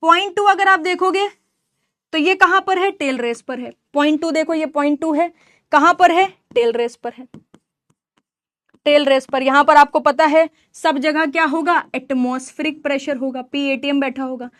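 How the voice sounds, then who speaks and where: High-voiced woman teaching engineering, dry sound. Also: moderate pace, fairly bright tone, dry recording. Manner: asks the class questions and answers them herself; teasing scolding asides to students. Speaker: engineering lecturer. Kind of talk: classroom lecture mixing Hindi and English terms.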